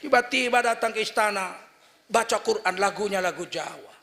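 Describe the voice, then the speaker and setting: A man in his fifties preaching a sermon, animated, firing rhetorical questions and mocking impressions. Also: high-pitched, brisk. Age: 50s. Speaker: Islamic preacher. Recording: long hall reverb.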